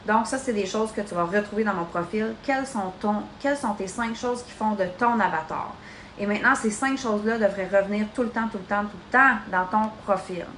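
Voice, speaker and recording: A woman's voice: medium pitch, fairly quick, a bit bright, echoey room, slight background noise. Chatty Québécoise woman coaching live. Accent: Québécois French. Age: late 20s. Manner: chatty, direct, addresses listener as "tu". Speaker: sales team coach. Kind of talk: live social media training.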